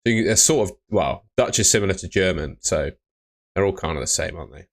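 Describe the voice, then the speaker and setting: This fantasy football streamer, a young adult from Bristol, England, has a low, creaky voice and talks briskly. Relaxed and chatty, he goes through viewer comments and answers chat questions from a small indoor room.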